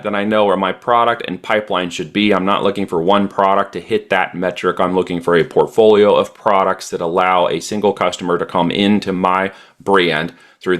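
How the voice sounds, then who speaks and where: A man with a very deep voice answers interview questions about selling online. He talks confidently and with emphasis, and he often stops to fill pauses as he builds his points. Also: fairly bright tone. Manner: confident, emphatic business talk with frequent fillers. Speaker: e-commerce entrepreneur guest.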